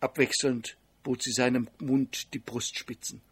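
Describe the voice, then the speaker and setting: A man narrates a story in a steady, even manner at a middle pitch. His voice is husky. The recording is dry and close, with no room sound. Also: unhurried, dry recording. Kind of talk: audiobook narration.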